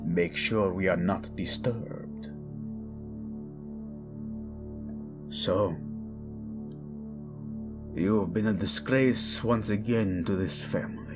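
A man performs a cold, calculating middle-aged royal father for an audio drama, his gravelly, husky voice set fairly low. The mood is cold contempt, delivered slowly, theatrically and insinuatingly with false politeness that masks mockery. The piece is dramatic audio roleplay acting.

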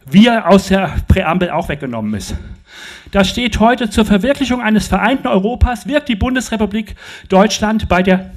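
Animated older man lecturing from a stage. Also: sits high, moderate pace. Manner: emphatic, animated, addresses audience with rhetorical questions. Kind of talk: public talk. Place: large festival tent stage. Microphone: handheld.

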